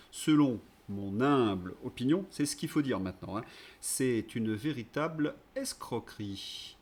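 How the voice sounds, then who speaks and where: Sarcastic man, husky and lively. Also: a little high. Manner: sarcastic, indignant. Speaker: host of a political commentary channel. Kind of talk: political commentary monologue.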